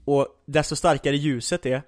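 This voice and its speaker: A man voicing a quiet, nearly invisible teenage basketball player in a calm, matter-of-fact way. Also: on the high side, natural voice.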